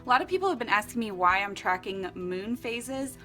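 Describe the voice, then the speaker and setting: Very animated and a little fast, a young vlogger speaks in a bright, forceful mid-range voice with faint music behind her. She's from Florida and Costa Rica, chatting upbeat and laughing often as she shows off her journal setup at home.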